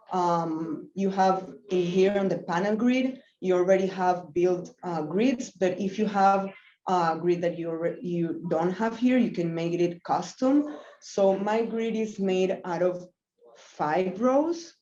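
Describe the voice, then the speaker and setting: A web designer in her thirties from Venezuela leads a live screen-share tutorial, relaxed and unhurried, with fairly low pitch and many ums and self-corrections. She's in a small indoor office using her laptop webcam mic on a video call, giving roomy, dull, lo-fi audio.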